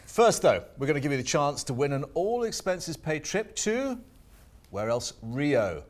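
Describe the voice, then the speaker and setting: Man co-hosting with very lively intonation. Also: a little high, normal speed. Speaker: morning show co-host. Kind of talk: bantering presenter chat.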